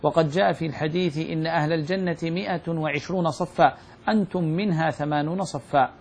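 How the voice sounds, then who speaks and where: In a class, a man reads a classical religious commentary aloud, moving quickly through the text but slowing down to quote verses. His voice is on the high side with fairly even intonation, and there's a little hiss or hum.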